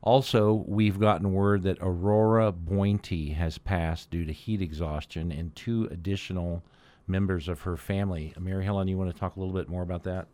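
A man hosting a community news update, giving semi-formal announcements in a deliberate, matter-of-fact way with frequent pauses. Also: low-pitched, steady tone, dark tone.

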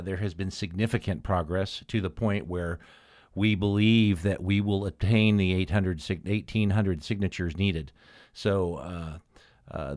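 A man hosting a community news update, giving semi-formal announcements in a deliberate, matter-of-fact way with frequent pauses. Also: fairly low pitch, darkish tone, no room sound, clean studio sound.

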